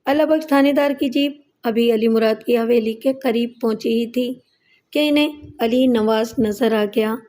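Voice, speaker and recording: A woman reads a crime story as a voice-over narrator, steady and measured. Her voice is high-pitched with a soft, mellow tone.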